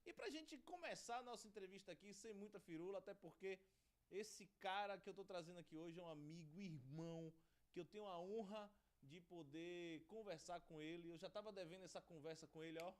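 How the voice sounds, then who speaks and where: A Brazilian man hosts an interview podcast in a studio, speaking reverently about honor and friendship. His voice sits high, at a normal speed.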